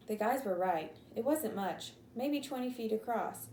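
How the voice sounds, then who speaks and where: A woman's voice: a little high, lively intonation, unhurried, dark tone, echoey room, a little hiss or hum, rough recording. A woman teacher reads a chapter book aloud to her class, lifting her voice for the characters' lines and stopping now and then to explain a word.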